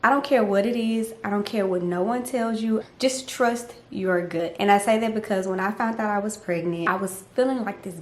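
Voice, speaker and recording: A young woman from Louisiana, telling a personal story to camera in a chatty, animated way. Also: medium pitch, normal speed, hardly any pauses. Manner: chatty, animated, speaks to viewers as girlfriends. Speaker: mom vlogger. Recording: echoey room.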